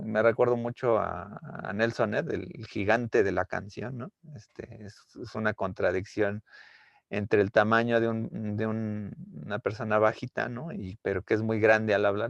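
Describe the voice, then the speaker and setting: Low gravelly lecturer with fillers. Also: male voice, no echo. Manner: hesitant, many fillers and tag questions. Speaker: university lecturer. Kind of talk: online lecture. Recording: dull lo-fi sound.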